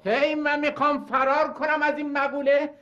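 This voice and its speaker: A man's voice: very high-pitched, level tone, sharp tone, muffled recording. An actor playing a self-righteous eldest brother who scolds and insults his siblings over an inheritance. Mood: angry. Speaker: eldest brother in a family quarrel. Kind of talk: TV drama acting.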